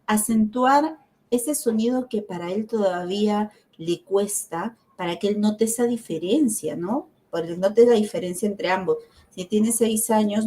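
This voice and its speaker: A middle-aged woman gives an online lecture as a speech therapy instructor. Her talk is explanatory and unhurried. She checks in with her listeners through frequent tag questions and pauses on fillers as she thinks. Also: medium pitch, mellow.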